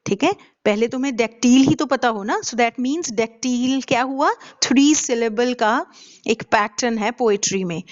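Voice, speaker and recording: A woman lectures slowly and carefully, stopping often on hesitant fillers and asking her class questions. Her voice sits a little high. The recording sounds dull and lo-fi. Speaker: English literature teacher. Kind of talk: lecture mixing Hindi and English.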